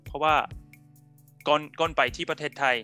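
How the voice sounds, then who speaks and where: A young man with an Australian accent, a native English speaker, chatting casually and haltingly on a headset during a video call. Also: fairly high pitch, flat delivery, pushed and bright, faint music behind. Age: young adult. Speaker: interview guest, YouTuber. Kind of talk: casual chat.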